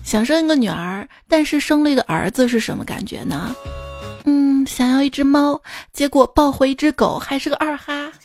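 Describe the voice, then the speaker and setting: A woman hosts a joke podcast with a raised voice that carries a gravelly fry. She reads jokes playfully and talks straight to her listeners. Soft music plays behind her. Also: sits high, normal speed. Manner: playful, chatty, addresses listeners directly. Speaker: podcast host. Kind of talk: reading jokes with casual commentary. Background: faint background music.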